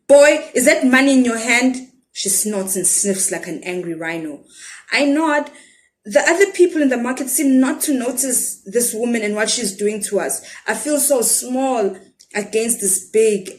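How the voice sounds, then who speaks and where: A woman's voice: fairly high pitch, lively intonation, normal speed, darkish tone. A woman reading a children's story aloud expressively, asking the young listeners questions.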